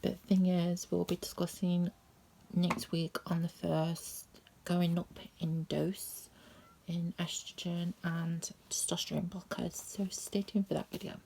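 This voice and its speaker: A woman telling a personal story as a vlogger, rambling and repeating herself, often slipping into soft half-whispers. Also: fairly low pitch, level tone, a little slow, creaky, slight background noise.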